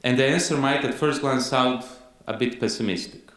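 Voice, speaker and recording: A Croatian-accented man gives a conference lecture in a measured way, pausing on frequent fillers. His voice sits at a middle pitch. The hall around him is very echoey. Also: a bit bright. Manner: measured, frequent "uh" fillers, reads quotes slowly.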